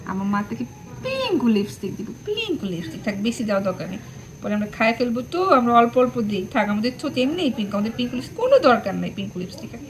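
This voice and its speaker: A woman's voice: fairly high pitch, slight background noise, poor audio. A woman pet vlogger talking in doting baby talk to her cat, cooing and repeating words fondly. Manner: cooing, sing-song, repeats words affectionately.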